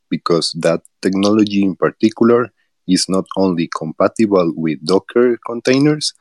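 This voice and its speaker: A man from Rica, a developer guest on a podcast interview, speaking in a halting way with frequent fillers and restarts. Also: low voice, darkish tone, no room sound. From Costa Rica.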